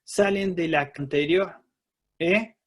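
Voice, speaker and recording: A man's voice: sits high, takes it slowly. Man on a choppy, cutting-out call. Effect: choppy, cutting-out video-call audio. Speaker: anesthesiologist speaker. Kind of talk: answering audience questions in a webinar. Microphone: video call.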